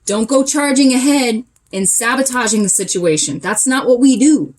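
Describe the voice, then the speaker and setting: A woman's voice: a little high, animated, moderate pace, darkish tone. A woman giving a casual channeled tarot reading, chatty and emphatic, coaching her listeners directly. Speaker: tarot reader.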